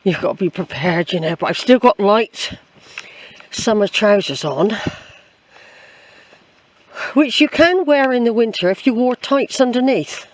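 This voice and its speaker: A woman's voice: fairly high pitch, animated, a little slow, pauses often, no room sound. An older woman with an English accent records a casual walking vlog out in the woods. She rambles in a chatty, reflective way, often repeating her phrases. Her voice is picked up by the camera she carries along the trail. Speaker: hiking vlogger. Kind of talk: casual rambling walk commentary. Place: outdoors on a woodland trail.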